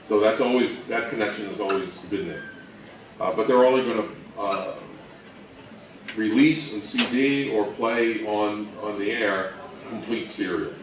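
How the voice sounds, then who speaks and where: An unhurried man with a fairly low voice delivers a casual panel presentation to an audience, mixing in dry, self-mocking humor. Background noise and echo come through, since he was recorded from a distance in an indoor event room.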